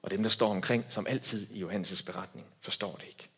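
A man preaching a sermon as a pastor, swinging between loud emphatic lines and hushed quiet ones. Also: low-pitched, fairly even intonation, slightly rough.

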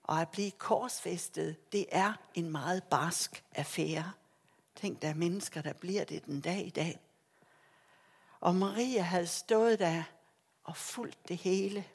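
A woman's voice: lowish voice, gravelly, husky. A woman preaching a sermon, telling the story with feeling and acting out the lines of the people in it. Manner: animated storytelling, acting out quoted voices.

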